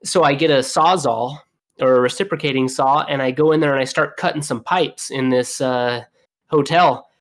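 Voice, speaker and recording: A young man, a plumber guest, telling stories in a casual, animated way with lots of fillers. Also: mid-range voice, normal speed. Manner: animated, laughing storyteller with fillers. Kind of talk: casual storytelling.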